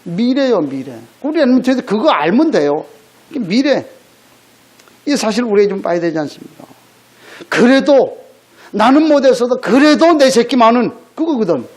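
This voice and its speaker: Male pastor, Sunday sermon. High, lively voice. Chatty, blunt, full of rhetorical questions. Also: moderate pace. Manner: conversational preaching, rhetorical questions, blunt scolding asides. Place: church sanctuary.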